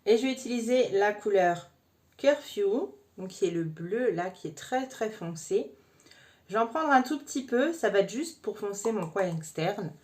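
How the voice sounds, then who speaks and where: A woman's voice: medium pitch, expressive, moderate pace, darkish tone. A woman talking the viewer through a makeup tutorial in a chatty, informal way. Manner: chatty, addresses viewer informally with frequent "hein". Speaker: makeup vlogger.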